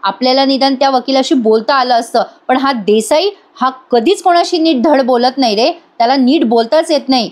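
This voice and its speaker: A woman's voice: high voice, normal speed, hardly any pauses, darkish tone, lightly acted. A woman voicing a frustrated, determined young man in a serial recap.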